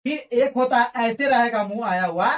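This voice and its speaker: A woman's voice: a little high, moderate pace, far from the mic. A woman teacher giving an online math lesson, who drills her students with call-and-response questions and calls them her friends. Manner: addresses viewers as friends.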